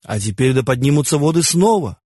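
A man with a husky voice playing a solemn male creator god who proclaims decrees in a sonorous voice in an audiobook. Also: medium pitch, animated, brisk, mellow, no echo, studio quality. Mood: commanding.

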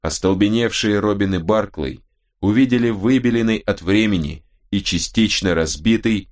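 A male narrator reads a novel aloud in a very deep, low voice. The reading is steady and measured throughout. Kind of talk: scripted audiobook narration.

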